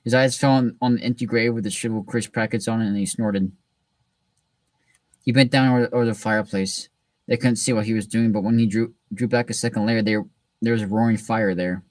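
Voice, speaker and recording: A man hosting a reading session and reading a story aloud in a relaxed way, with frequent restarts. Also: fairly low pitch, a little fast, no echo. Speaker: host reading a book aloud. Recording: distant mic in a dry room.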